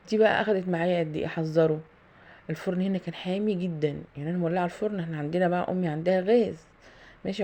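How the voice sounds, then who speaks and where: Gravelly Egyptian woman chatting while cooking. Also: lowish voice, mellow. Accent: Egyptian Arabic. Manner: chatty, thinking aloud with frequent fillers and pious phrases. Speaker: home cooking video host. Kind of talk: casual cooking tutorial narration. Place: home kitchen.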